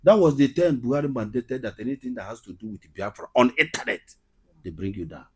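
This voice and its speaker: Man, Nigerian Igbo accent, very lively intonation, rough-edged voice, emphatic repetition, comedian being interviewed. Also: medium pitch, fast talker. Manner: emphatic, repeats phrases for effect. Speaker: guest, comedian and skit maker. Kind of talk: animated interview storytelling.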